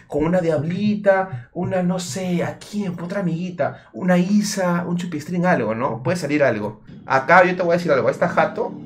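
A man with a Peruvian accent, tipsy and rambling in crude, joking casual chat as a livestreamer. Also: fairly high pitch. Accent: Peruvian Spanish. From Peru. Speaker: streamer.

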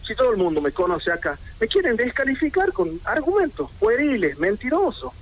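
A middle-aged merchant with an Argentine Spanish accent protests indignantly to local radio, piling up rhetorical questions. His very high voice swoops wildly in pitch at a fairly quick pace. He sits in a red armchair indoors, heard through lo-fi radio audio.

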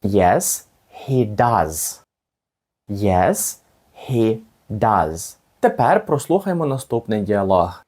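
A man teaching a language lesson step by step, patiently saying each phrase slowly and repeating it for the learner. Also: lowish voice, big pitch swings, a little mellow.

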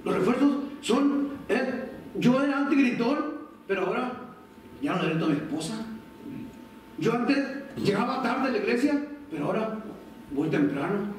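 Preaching from a church sanctuary, a man serving as pastor uses a very high voice and a conversational style, acting out short quoted exchanges among family members. The recording comes from a distant mic in the echoey hall, with a little hiss or hum.

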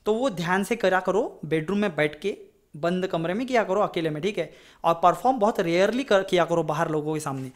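His voice sits high and his pace is brisk. This male music teacher leads an easygoing flute lesson, talking freely and wandering into advice, with a habit of asking "ठीक है?" to check in with students.

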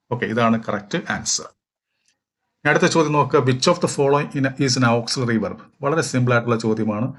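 A man from Kerala, walking through exam questions as a teacher, reading each question slowly and explaining at length with fillers. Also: mid-range voice. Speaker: English teacher for exam prep. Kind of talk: exam question walkthrough lesson.

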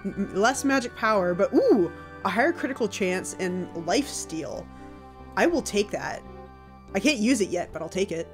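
A woman streamer talks her way through a game in a casual, chatty voice at a middling pitch. She reacts aloud with quick exclamations. Faint game music sits behind her. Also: lively intonation. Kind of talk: casual gaming commentary.

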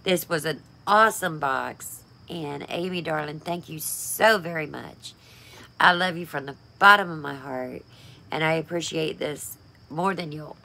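A woman's voice: sits low, gravelly, pushed and bright. A middle-aged woman vlogger talking in a casual, heartfelt way, rambling through emotional thanks with plenty of fillers. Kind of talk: casual heartfelt vlog chat.

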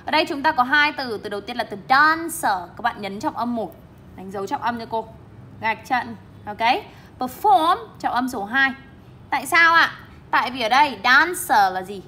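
Bright-voiced woman English teacher. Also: on the high side, expressive, normal speed, a little hiss or hum. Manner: emphatic, stresses syllables while modeling words. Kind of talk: bilingual classroom explanation.

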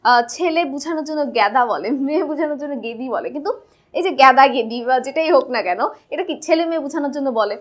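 A woman from Bangladesh teaching a school textbook chapter in a chatty way, often checking with "right?". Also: high-pitched.

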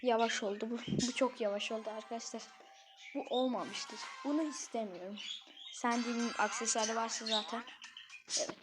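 A woman giving excitable, easily frustrated commentary on a mobile game she plays, talking straight to her viewers. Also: fairly high pitch, normal speed. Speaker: gaming channel host. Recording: clear background game music.

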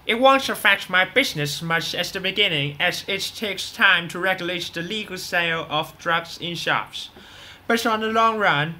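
A performer portrays a brash, remorseless drug boss who is on the run, boastful and dismissive, in a scripted radio drama interview. The voice has a medium pitch and a sharp tone.

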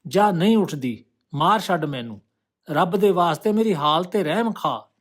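A man voicing an exhausted, desperate young woman who pleads to be left to sleep and snaps back loudly. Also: high-pitched, lively intonation, moderate pace, voice pushed up. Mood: defiant. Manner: pleading then snapping back, raised voice.

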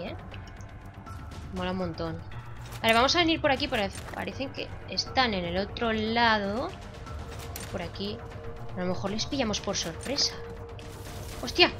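A young woman from Spain with a Spanish accent, giving excitable, swearing commentary while playing a shooter at home. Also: fairly high pitch. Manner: excitable, swearing, shouting at enemies. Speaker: gaming vlogger. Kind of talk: live gameplay commentary. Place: home room. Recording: game music under voice.

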